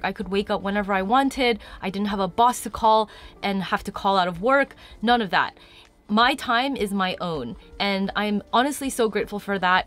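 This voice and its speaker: A woman's voice: medium pitch, fairly bright tone. A woman in her thirties, talking candidly to her viewers in a casual vlog, a little congested from a cold. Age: 30s. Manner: candid, confiding. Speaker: vlogger. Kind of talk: casual to-camera chat.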